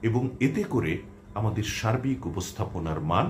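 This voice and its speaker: Lively low-voiced Bengali man teaching pronunciation. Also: a little hiss or hum. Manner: clear, deliberate, carefully pronounced delivery. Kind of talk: scripted lesson on pronunciation.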